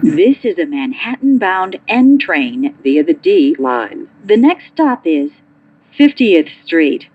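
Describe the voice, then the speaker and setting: A woman's voice: on the low side, big pitch swings, slow pace, pauses often, slight background noise. A woman reading formulaic, clipped train announcements over a muffled subway speaker.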